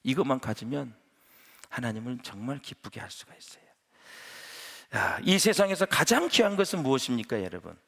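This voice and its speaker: A middle-aged male pastor preaching a sermon in an animated, conversational way. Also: medium pitch, normal speed, vocal fry, pauses often. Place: church sanctuary. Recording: echoey church hall.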